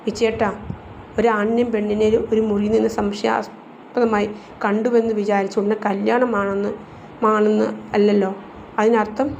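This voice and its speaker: A blunt, irritated young man with a cutting tongue, as a woman narrator puts him on. The voice stays at a middle pitch with no real change from her own. It comes from a spoken storybook. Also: little pitch movement, normal speed, vocal fry, long pauses, darkish tone, highs cut off, slight background noise, natural voice. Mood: reasoning.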